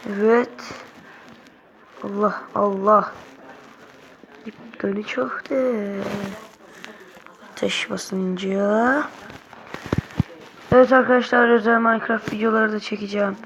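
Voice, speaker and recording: A woman hosting a gaming channel, giving excitable let's-play commentary and shouting bursts at the game. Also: mid-range voice, measured pace, pauses often, highs cut off. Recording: noisy recording with clicking sounds.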